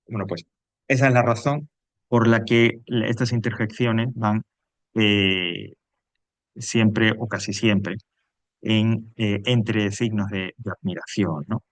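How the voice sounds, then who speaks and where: A man's voice: lowish voice, no room sound. A man with a Peninsular Spanish accent explaining grammar as a teacher in a recorded lesson, hesitant, with frequent fillers and checking questions.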